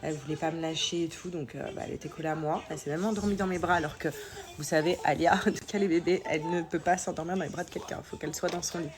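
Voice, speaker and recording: A woman's voice: deep voice, fairly even intonation, very fast, background noise. A young woman vlogging casually as a mother, speaking informally and hesitantly, with a nasal, congested voice and a sore throat as she comes down with a cold. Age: young adult. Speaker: mother vlogging about family life. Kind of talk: casual chat to followers.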